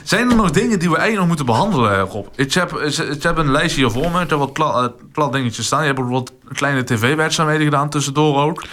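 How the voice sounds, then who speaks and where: A man's voice: on the high side, expressive, quick pace, few pauses, a bit bright. A young adult man hosting a casual interview, rambling and hesitant. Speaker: podcast host.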